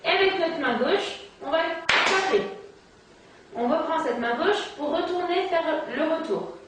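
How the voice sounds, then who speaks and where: A woman's voice: very high-pitched, lively intonation, a little slow, noisy background. A woman patiently teaching a flashmob dance routine step by step, counting the moves aloud. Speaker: dance instructor. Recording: echoey distant amateur video.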